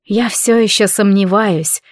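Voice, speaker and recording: A woman's voice: mid-range voice, unhurried, no room sound, clean studio sound, natural voice. A woman reading the lines of a small, worried noblewoman in an audiobook. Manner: soft, reproachful, stubborn.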